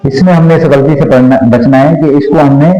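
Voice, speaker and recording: In an echoey room with faint music, a Pakistani man teaches how to pronounce Quran letters in a slow recitation lesson, patiently repeating every sound for learners to imitate. His voice is a little high and dark in tone, steady and brisk, and the audio sounds dull.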